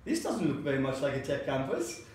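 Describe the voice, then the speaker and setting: His pitch swoops wildly from a slightly high base as this co-working space founder, speaking fairly quickly in a slightly mellow voice, tells stories in an interview. He's chatty and acts out what other people said. Expect a very echoey room and faint hiss.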